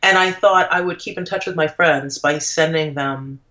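Here the same kind of speaker, a lawyer-turned-blogger from Trinidad, muses aloud while being interviewed in a relaxed conversation. She has a low, slightly bright voice at an ordinary speed, captured on dull, lo-fi audio.

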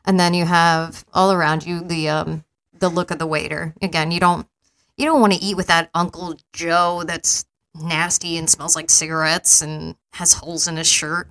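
A woman co-hosting a podcast in casual chat, laughing easily and agreeing often with quick yeahs. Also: lowish voice, level tone, fairly bright tone. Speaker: podcast co-host.

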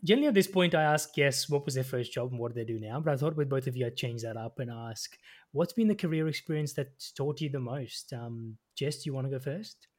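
A man's voice: medium pitch, fairly quick. A man hosting a podcast interview, asking questions in an upbeat, friendly way. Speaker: podcast host.

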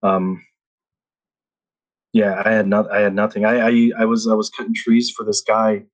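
Here a Filipino man in his thirties, a podcast guest, speaks at a normal speed with a fairly low, level voice. He rambles through stories in a relaxed conversation, frequently starting over and laughing. The recording is poor.

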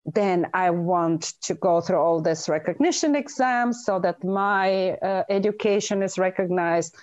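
The interview guest, a middle-aged Bulgarian dentist and author, recounts stories with earnest emphasis. Her fairly low, darkish voice moves unhurriedly, and the highs are cut off in the recording.

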